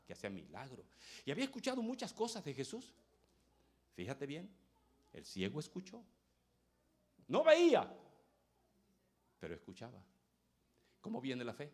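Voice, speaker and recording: A male pastor preaching an impassioned sermon, rising to loud peaks and dropping to hushed phrases. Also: mid-range voice, husky.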